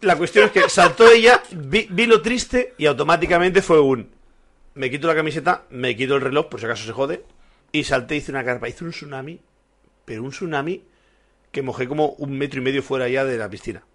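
A man's voice: on the high side, brisk, a bit bright. A man, co-hosting a casual beer-tasting podcast, telling jokey stories and swearing freely. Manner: joking storyteller, swears freely. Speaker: podcast co-host.

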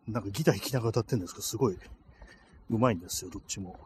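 A man with a lowish voice chats loosely into a phone as he walks outside at night. He rambles and hesitates, stringing thoughts together with fillers. Faint street ambience sits under his voice. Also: rapid-fire, a little hiss or hum. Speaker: podcast host. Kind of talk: casual solo talk while walking. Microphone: phone held in cold hands.

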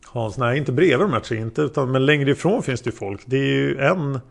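A man's voice: mid-range voice, gravelly. A man voicing a male taxi driver testifying as a witness, answering in a plain, hesitant way. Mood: calm.

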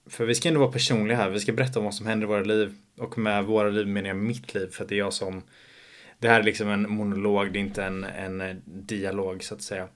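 A young man in his twenties, slightly hoarse from shouting, talking alone in a casual monologue podcast, rambling with many fillers and casual swearing. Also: fairly low pitch, flat delivery. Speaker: podcast host.

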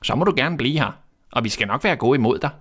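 Little kindly dwarfs, voiced by a man reading a storybook. They speak in a lifted, eager register that is higher than the narration. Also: lively intonation, a bit bright. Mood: caring. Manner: raised, eager voice.

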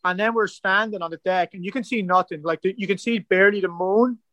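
A man's voice: sits high, quick pace, fairly bright tone, no echo. An Irish man from Ireland, a guest rower telling his story in a casual interview, rambling with lots of "like" and "kinda". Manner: rambling, full of "like" and "kinda" fillers.

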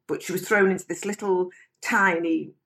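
A woman's voice: on the low side, fairly even intonation, normal speed, gravelly, a bit bright. Frank chatty woman telling her story. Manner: frank, chatty, mimics people when quoting them. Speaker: interview guest. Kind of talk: candid personal storytelling.

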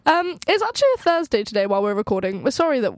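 A woman's voice: a little high, very animated, very fast, no room sound, studio quality. A young woman co-hosting a podcast in casual, bubbly chat, laughing often. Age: young adult. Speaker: podcast co-host. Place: indoor room.

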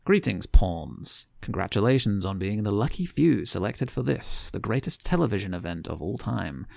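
A cold, unseen game-show organiser greets his captive contestants in a slow, deliberate announcement, as a man reads him out. The voice sits low and gravelly, and the sound is close and dry. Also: expressive, a little mellow, no room sound, full character voice. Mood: menacing.

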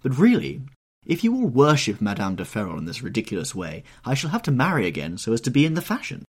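A man's voice: mid-range voice, huge pitch swings, fast talker, breathy edge, voice pushed up. A man voicing a witty, teasing older society lady in an audiobook, exclamatory, arch and playfully scolding. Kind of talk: audiobook character voice.

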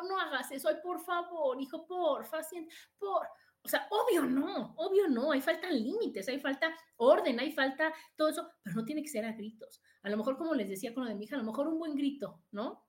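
A middle-aged Mexican woman hosting a podcast, giving chatty, casual advice to her live listeners and often checking in with "¿no?". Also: sits high. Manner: chatty, tags "¿no?" after points. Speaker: podcast host.

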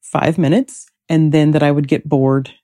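A woman's voice: sits low, fairly even intonation, moderate pace, warm tone. A woman in her thirties hosting a podcast solo, talking reflectively in an informal, rambling and effusive way. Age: 30s. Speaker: podcast host.

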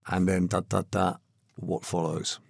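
A man hosting a news discussion podcast, brisk and chatty as he moderates the panel on a close studio mic. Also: deep voice, level tone, creaky, no room sound. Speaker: podcast host.

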